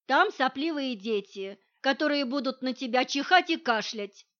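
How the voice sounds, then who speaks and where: A woman's voice: high-pitched, animated, moderate pace, fairly bright tone. A woman reading the part of an anxious, overprotective young husband who insists stubbornly, in a dull lo-fi recording.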